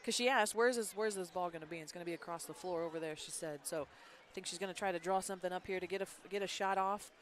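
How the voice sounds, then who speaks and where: A woman doing play-by-play for a school basketball game, chatty and quick with her calls, with frequent agreeing hums. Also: fairly low pitch, steady tone, slight background noise. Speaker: play-by-play announcer. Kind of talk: live basketball commentary.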